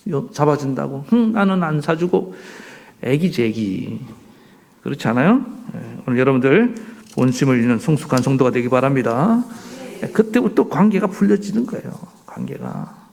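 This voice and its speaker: Animated gravelly-voiced male pastor preaching. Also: mid-range voice, moderate pace. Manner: animated preaching with rhetorical questions to the congregation. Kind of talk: sermon. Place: church sanctuary.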